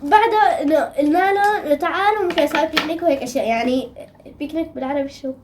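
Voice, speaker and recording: A woman's voice: sits high, very fast, noisy background. A young female with a Syrian Levantine Arabic accent chats casually to viewers as she hosts a drawing video.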